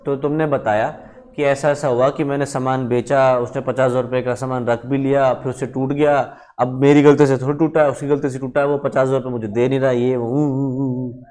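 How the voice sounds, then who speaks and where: A man's voice: medium pitch, flat delivery, fairly quick, darkish tone. A male teacher giving a lecture, talking directly to his students and checking in often. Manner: conversational, addresses students directly with frequent check-ins.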